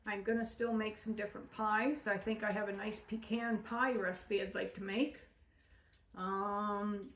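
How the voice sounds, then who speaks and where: Woman, home cook host, friendly and folksy; roomy kitchen echo. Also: mid-range voice. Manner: homey, chatty, addresses viewers as folks. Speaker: home cooking channel host. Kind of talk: casual cooking vlog. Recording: roomy kitchen, mic at a distance.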